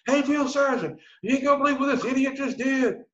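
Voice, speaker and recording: A man's voice: very high voice, lively intonation, brisk, pitched above the performer's own voice. A man doing a barking army drill sergeant. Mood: amused barking. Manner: barking, then laughing hard. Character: loud gruff male army drill sergeant. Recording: roomy, dull audio.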